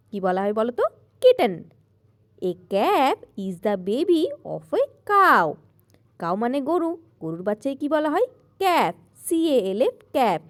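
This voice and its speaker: A woman teacher explains an English lesson for young children, reading English lines slowly and asking quiz questions. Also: a little high, dark tone.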